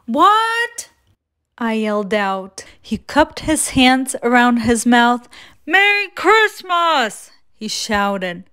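A woman reading a children's picture book aloud as a storyteller, gentle and expressive. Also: on the high side, slow, few pauses, smooth.

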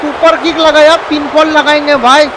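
A man giving excited, casual commentary over a wrestling video game and often shouting. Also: very high voice, normal speed. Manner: excitable, shouts often, calls people bhai. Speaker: gameplay commentator. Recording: noisy background with crowd sounds. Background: video game arena crowd and noise.

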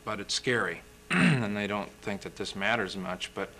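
Young guy, low voice, kinda forceful tone, explaining slow and careful in a tv studio, faint hiss. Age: young adult. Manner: measured, explanatory, occasional throat-clearing. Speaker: physician guest. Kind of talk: interview answers.

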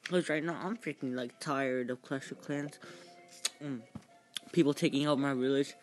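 A man's voice: mid-range voice, steady tone. Rambling male gamer over game music. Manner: rambling, halting, with many fillers and restarts; cheers loudly at the game. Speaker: gaming channel host. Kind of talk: casual gameplay commentary.

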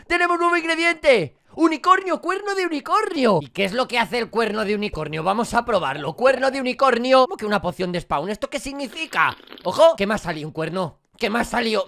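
A woman doing lively, jokey Let's Play commentary on a game, often repeating words in bursts of excitement. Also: mid-range voice, creaky. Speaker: gaming YouTuber.

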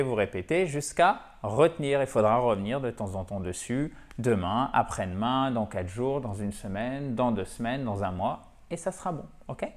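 A man teaching an English lesson in French at a whiteboard, animated, often checking in with his viewers and mixing in English example phrases. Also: medium pitch. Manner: animated, repeats and checks in with "d'accord?" and "ok?". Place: classroom-style room with a whiteboard.

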